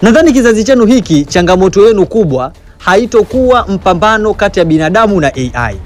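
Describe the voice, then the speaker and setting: Guy voicing over a speech translation, high and animated, preachy emphasis. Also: fast talker. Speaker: voice-over interpreter.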